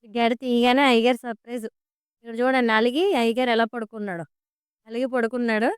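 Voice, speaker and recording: Fast-talking chatty woman vlogger. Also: on the high side, little pitch movement, clear, resonant tone, no echo, studio quality. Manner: chatty, amused storytelling. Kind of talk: casual voice-over vlog. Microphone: close voice-over mic.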